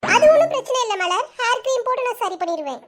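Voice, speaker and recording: A woman's voice: very high-pitched, sing-song, fast. A woman voicing a polite young makeup artist in a cartoon. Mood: friendly. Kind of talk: cartoon voice acting.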